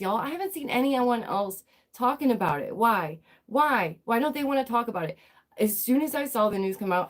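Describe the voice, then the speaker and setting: Getting over a cold, a woman hosting a live news commentary stream sounds nasal and stuffy, her pitch in the medium range. She speaks emphatically, repeating phrases and firing off rhetorical questions.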